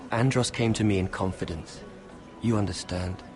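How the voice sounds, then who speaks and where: A man's voice: lowish voice, moderate pace, lightly acted. An actor playing a shy, self-effacing nobleman in a video game, hesitant, polite and apologetic. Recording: music behind the voice.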